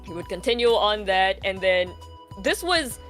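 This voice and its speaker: A woman streamer recounts a story in casual, swear-laden chat, acting out the scenes as she goes. Her voice is bright and forceful, at a middle pitch. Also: normal speed, faint music behind. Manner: profane, animated storytelling with reenactments.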